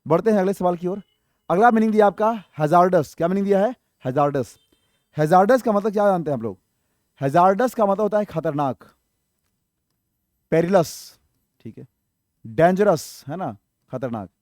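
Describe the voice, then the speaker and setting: A man teaching English vocabulary for an exam explains each word, spells some out letter by letter, and asks his viewers questions he then answers. His high, expressive, a little mellow voice moves at a moderate pace with long pauses, in a dry, studio-quality recording.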